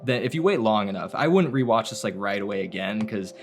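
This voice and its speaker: A man's voice: on the low side, animated, fairly quick, slight background noise. A man talking casually about films, rambling and swearing as he goes. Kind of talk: casual film discussion.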